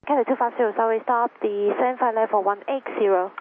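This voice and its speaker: Higher-pitched woman controller on thin radio. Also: steady tone, quick pace, phone-quality sound. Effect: aviation radio. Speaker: air traffic controller. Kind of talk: clipped radio instructions. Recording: thin, faintly noisy radio transmission.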